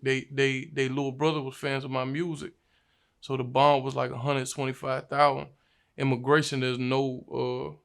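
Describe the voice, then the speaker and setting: Speaking flatly and evenly in a gravelly, mid-range voice, this young Virginia man is a rapper appearing as an interview guest. He shares his story in a relaxed, slang-heavy style during a casual sit-down.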